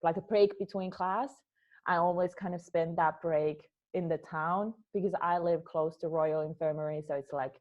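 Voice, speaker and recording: On a muffled recording, a young dance artist from Finland talks about her work in an interview, her Finnish accent clear. She speaks in a fairly low, steady voice at a moderate pace, hesitating and repeating words as she thinks.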